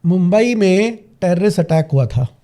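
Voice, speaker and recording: Dramatic, high-voiced man telling a story. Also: lively intonation, measured pace, warm tone. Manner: dramatic storyteller, repeats lines for emphasis. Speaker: podcast guest, parenting coach. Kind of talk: storytelling in a podcast interview.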